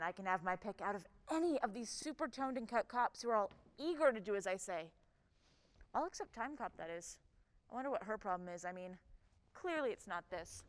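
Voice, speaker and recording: A woman playing a vain, lazy female chief of a cop federation, commanding and brisk in a live stage comedy. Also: a little high, natural voice. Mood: smug. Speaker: stage actor. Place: theatre stage. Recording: long reverb of a theatre stage.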